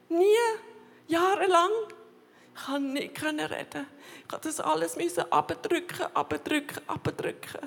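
High-voiced Swiss woman giving a testimony. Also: gravelly. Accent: Swiss German. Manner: halting, fragmented phrasing with repeated words. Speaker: church member giving a testimony. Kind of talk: emotional personal testimony. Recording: long reverb of a large hall.

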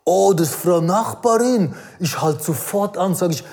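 A man's voice: high-pitched, moderate pace, darkish tone. A man voicing a brash young man who talks in street slang with broken grammar. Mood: boastful. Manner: slangy, broken grammar, says "Alter" constantly.

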